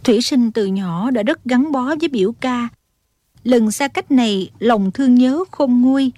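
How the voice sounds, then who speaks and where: A woman's voice: a little high, normal speed, mellow, dry recording. Woman narrating a martial-arts audiobook.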